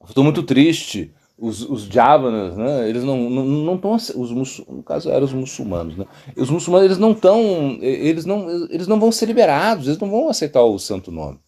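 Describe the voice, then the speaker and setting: A monk from Brazil gives a spiritual talk in a warm, mellow voice that rises and falls a lot. He rambles, restarts often and acts out the people in his stories. His pitch sits in the middle for a man. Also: fast talker, few pauses. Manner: rambling, many fillers and restarts, lively storytelling with quoted voices. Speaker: monk teaching devotional yoga.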